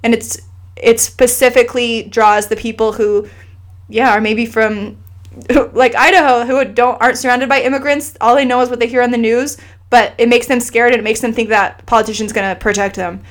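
An interview guest with a fairly high, level voice speaks at normal speed about her family's immigration story. Earnest and impassioned, she keeps things conversational and often restarts what she's saying.

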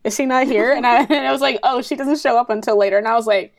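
A woman's voice: fairly high pitch, fast, gravelly. Bubbly woman in her twenties chatting. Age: 20s. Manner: bubbly, laughs often, acts out quotes. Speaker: podcast co-host. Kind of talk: casual chat.

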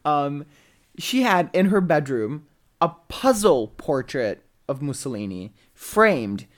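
A man's voice: on the high side, sing-song, slow pace. A man in his forties co-hosting a podcast in casual, campy, rambling chat. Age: 40s. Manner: campy, rambling, mock-serious. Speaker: podcast co-host.

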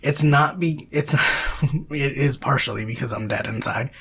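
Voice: mid-range voice, unhurried, very noisy. A podcast co-host chatting casually about films, rambling with lots of fillers and self-corrections. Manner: laughs often between phrases.

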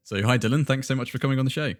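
A man's voice: medium pitch, racing, music in the background. A man hosting a podcast, welcoming his guest and asking long, rambling questions hedged with "kind of" and "sort of". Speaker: podcast host. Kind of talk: podcast interview.

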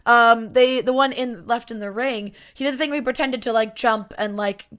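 A podcast co-host with a fairly bright, higher-pitched voice chats casually and animatedly at a normal pace about a wrestling match, filling her talk with fillers and asides. She yawns and hiccups along the way.

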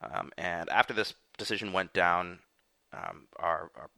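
A man's voice: low voice, a little slow, vocal fry, sharp tone, no echo. A man hosting a casual political podcast, recapping news with lots of fillers and restarts. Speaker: podcast host.

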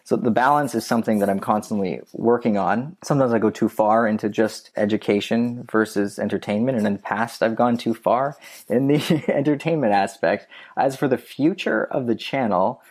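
A man's voice: fairly low pitch, normal speed, a little mellow, slightly rough. A man talking as a podcast guest in a casual, rambling way, with many restarts and fillers. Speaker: guest, YouTube creator.

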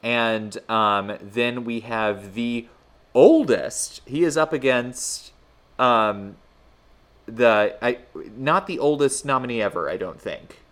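A man's voice: mid-range voice, slow pace, fairly bright tone. A man hosting a podcast, chatting casually about film history in a hesitant, rambling way full of fillers. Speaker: podcast host.

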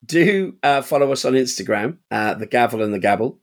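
On a casual podcast, a man with a brisk, mid-range voice tells lively, animated stories from his auction house. He laughs often and acts out the people involved, his voice jumping up when he mimics them.

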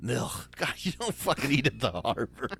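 Casual podcast guest: man, Baltimore accent, comic, lively swinging pitch, salty jokes. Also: normal speed, vocal fry, husky. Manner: jokey, swearing, puts on silly voices in bits. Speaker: stand-up comedian guest.

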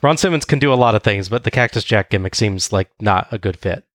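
A man's voice: lowish voice, fast, a bit bright, no room sound. A man co-hosting a podcast, casually narrating a wrestling recap in a dry, wry way.

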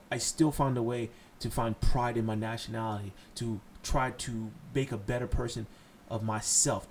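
With a medium-pitched voice and a faint hiss or hum in the recording, a man from Haiti hosts a solo podcast. His lecturing is blunt, passionate, and full of cursing.

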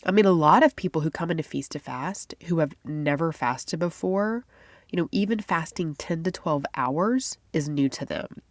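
This woman hosts a faith-based health podcast, delivering a casual monologue in a chatty, confiding manner and laughing often, her nose stuffy and congested. Her deep voice has lively intonation at a normal speed. The sound is clean studio quality with no room sound.

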